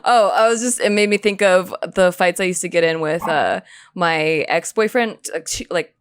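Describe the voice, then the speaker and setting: A woman co-hosting a casual chat, telling stories with lots of laughing and bursts of mock-angry shouting. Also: fairly low pitch, normal speed, clear, resonant tone. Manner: animated storyteller who shouts in mock anger and laughs often. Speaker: podcast co-host.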